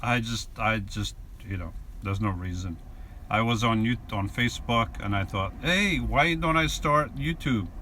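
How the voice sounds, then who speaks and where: Broadcasting live from his van over the hum of an inverter, a New York–accented vlogger in his forties, from New York and New Jersey, answers viewers' questions in a relaxed way, filling his speech with fillers. He speaks at a measured pace in a lowish, pushed, bright voice.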